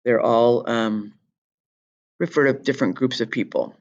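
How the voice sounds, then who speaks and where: A woman teacher talking through a recorded lesson for her students in a chatty, jokey way, explaining with quick asides. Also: very deep voice, fairly even intonation, lo-fi sound.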